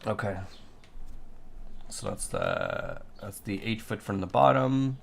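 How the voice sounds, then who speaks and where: A sleepy man with a lowish, gravelly voice thinks aloud slowly while working through a 3D model on his computer. His pitch swings hugely as he mutters to himself, repeating small words again and again.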